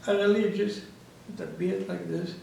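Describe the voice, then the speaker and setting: Older man, Ukrainian accent, gravelly, broken English, animated storytelling, echoey room. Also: high-pitched, normal speed, recorded from a distance, slight background noise. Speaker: interviewee, Holocaust survivor. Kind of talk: telling a life story in an interview.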